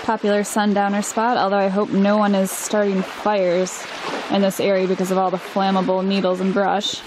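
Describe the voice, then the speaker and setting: A woman's voice: medium pitch, monotone, moderate pace, noisy background. A young adult woman in casual chat, narrating an island hike as a sailing vlogger. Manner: chatty, light laughs. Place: outdoors on an island trail.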